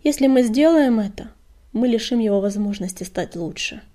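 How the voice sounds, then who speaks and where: A woman's voice: a little high, animated, normal speed, warm tone, lightly acted. A woman voicing a weary old female healer cat who speaks plainly and steadily in a storybook reading. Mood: steady.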